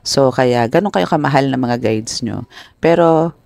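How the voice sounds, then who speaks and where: Gravelly-voiced man giving a tarot reading. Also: medium pitch, measured pace, a little mellow, dry recording. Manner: polite, addresses viewers with respectful terms; mixes English phrases into speech. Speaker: tarot reader. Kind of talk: tarot reading talk to viewers.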